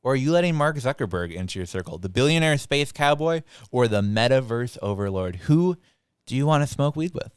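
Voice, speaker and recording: A young man hosting a casual podcast chat, animated and quick, slipping into playful quoted voices. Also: medium pitch, clean tone, no room sound, studio quality. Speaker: podcast host.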